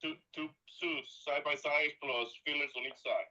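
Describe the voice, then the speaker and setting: A man's voice: fairly high pitch, fairly even intonation, normal speed, pushed and bright. A man heard over a speakerphone, a contractor giving brief, matter-of-fact answers in a casual phone call. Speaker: contractor calling about a remodel. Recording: dull lo-fi speakerphone audio.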